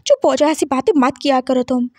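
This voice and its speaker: A woman voicing a stern young husband who scolds defensively in a lowered voice. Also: fairly quick, dark tone, no echo, natural voice. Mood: irritated.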